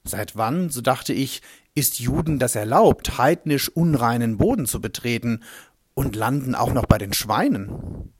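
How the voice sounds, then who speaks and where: In a dramatic storytelling monologue, a man plays a humble swineherd, narrating in the first person as he recalls a strange day. His mid-range voice is animated, a little slow and slightly rough, and his telling is reflective, vivid and thoughtful. The recording is studio quality with no room sound.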